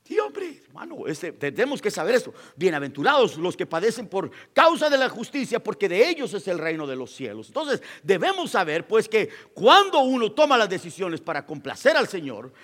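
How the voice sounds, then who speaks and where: A male pastor preaching a sermon, repeating phrases for emphasis and swinging between loud proclamations and quiet asides. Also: sits high, huge pitch swings, normal speed, few pauses, big-room sound. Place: church.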